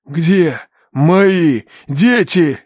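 A cold, commanding father, as a male narrator puts him on, speaking slowly with quiet menace and weight. The voice is firm and unhurried. It is recorded close and dry, like an audiobook read. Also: medium pitch, no echo, close to an everyday voice. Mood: commanding threat. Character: calm, menacing middle-aged father interrogating.

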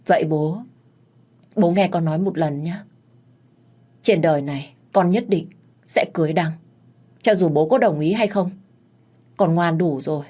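A woman's voice: on the low side, a little slow, long pauses, warm tone. A woman voicing a tearful, defiant young woman in an audiobook story, speaking in an emotional, pleading way.

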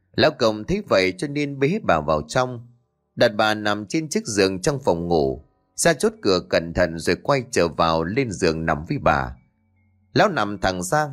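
A man narrates a horror story in a low voice that rises and falls vividly. His delivery is dramatic and expressive, with soft music playing faintly behind him.

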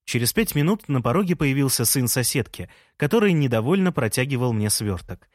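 Calm male audiobook narrator. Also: medium pitch, fairly quick, no echo, clean studio sound. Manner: calm storytelling.

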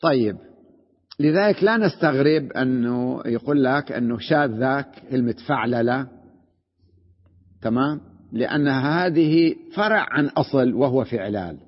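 Here a man with a husky, expressive mid-range voice speaks at a normal speed as a sheikh lecturing on Arabic grammar. He walks his class through it step by step, repeats the terms, and makes sure they follow, all on a dull recording full of long hall reverb.

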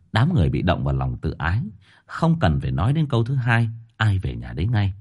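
A man narrating a ghost story audiobook in a lively, colloquial way. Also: low-pitched, quick pace, slightly rough.

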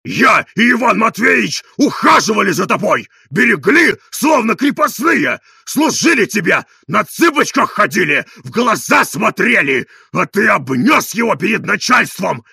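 A man voicing a coarse, bullying middle-aged man in an audiobook, shouting in drawn-out outraged bursts with a raspy voice. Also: high-pitched, sing-song, dry recording, studio quality, voice pushed up, exaggerated voice. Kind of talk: audiobook character reading.

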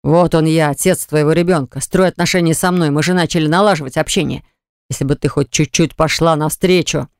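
A reader voicing a jealous, hot-tempered man who growls and hisses his words, lower than the narration, in an audiobook. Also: fairly even intonation, fairly quick, creaky, smooth, no room sound, studio quality. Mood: seething. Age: adult. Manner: growling, hissing through teeth. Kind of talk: audiobook acting.

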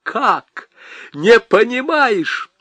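A man's voice: a little high, big pitch swings, takes it slowly, gravelly, fairly bright tone, slightly rough, dry recording, voice pushed up, exaggerated voice. A man voicing a hysterical middle-aged male Soviet functionary who rants and shrieks in a frantic voice. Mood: agitated.

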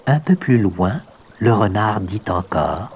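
A man narrating a children's storybook in a gentle, expressive read-aloud voice. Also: on the low side, slow pace, slight background noise.

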